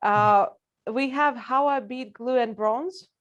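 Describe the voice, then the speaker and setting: A woman moderating an informal film panel, speaking in a hesitant, halting way. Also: a little high, dull audio.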